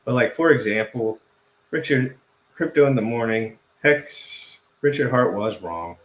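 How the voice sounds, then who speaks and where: A man's voice: medium pitch, measured pace, roomy sound. A man hosting a casual crypto livestream, rambling and correcting himself, often repeating phrases for emphasis.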